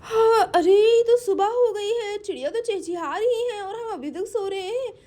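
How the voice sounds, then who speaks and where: A woman's voice: extremely high pitch, moderate pace, warm tone. A woman voicing a caring, anxious young woman in a doll play story, calling out urgently.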